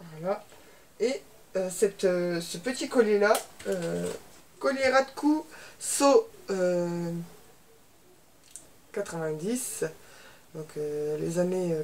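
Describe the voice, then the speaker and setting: A woman's voice: medium pitch, a little mellow, a little hiss or hum. A woman in her thirties from France, reviewing a beauty box at home in a hesitant, casual way with many fillers and restarts. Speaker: beauty vlogger. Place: room at home.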